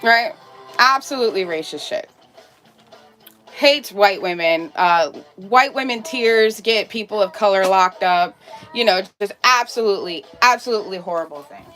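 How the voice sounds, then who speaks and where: Fired-up woman streamer venting, swears a lot, sarcastic, average pitch, a little music low underneath. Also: normal speed, a bit bright. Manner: heated, profane and sarcastic. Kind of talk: casual ranting commentary.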